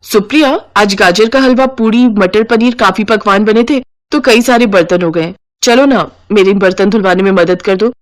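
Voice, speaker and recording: A woman's voice: medium pitch, moderate pace, few pauses, natural voice. A woman voicing a young new bride in a cartoon story, talking in a fretful, exclaiming way.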